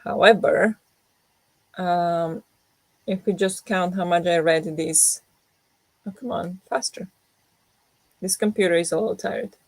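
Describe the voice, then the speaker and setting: A young woman with a lowish, fairly flat voice hosts a reading sprint livestream as a book vlogger, sounding groggy because she's just woken up. She chats casually and a bit slowly with viewers, rambling and poking fun at herself, full of fillers, restarts and long pauses. There's no echo on the recording.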